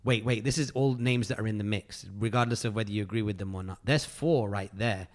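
A man's voice: lowish voice, a little fast. A man co-hosting a podcast in casual chat, telling stories in an emphatic way and repeating himself for effect. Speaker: podcast co-host.

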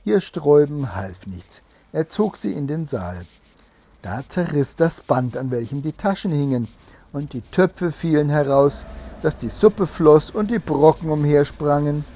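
Man reading a fairy tale aloud to a child, mellow, slightly husky, gentle explanations. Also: a little high.

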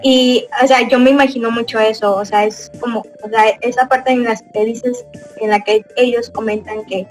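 A woman's voice: a little high, fairly even intonation, moderate pace, a little mellow, soft background music, poor audio. A young woman with a Mexican accent chatting casually as a podcast host, rambling with lots of fillers and little chuckles. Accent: Mexican Spanish. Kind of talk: casual chat.

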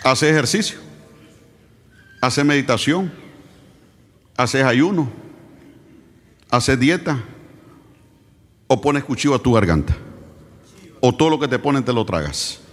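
A man preaches with fervor, his ordinary, mid-pitched voice now and then rising into shouted, sung-out phrases. He keeps putting questions straight to the congregation. The church hall lends a long, trailing echo. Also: expressive, takes it slowly, pauses often. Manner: fervent preaching that swells into shouted, sung-out lines; asks the congregation direct questions. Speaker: pastor. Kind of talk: sermon.

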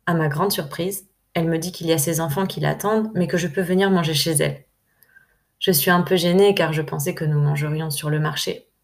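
Young woman, from France, lowish voice, calm measured diary narration. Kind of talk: first-person travel diary narration.

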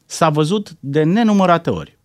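A man's voice: on the high side, lively intonation, darkish tone, dry recording, clean studio sound. A man giving heated, indignant political commentary on a talk show, firing off rhetorical questions.

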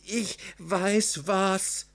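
A man voicing a small, friendly young pig in a ghost costume, excited and eager. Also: extremely slow, vocal fry, exaggerated voice. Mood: delighted. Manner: excited, eager, high-pitched calls.

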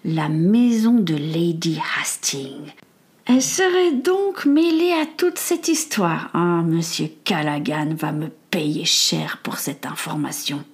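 A woman voicing a scheming male spy who mutters slowly and low in a storybook reading. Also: expressive, full character voice. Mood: sly. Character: sly lurking male spy, scheming and greedy.

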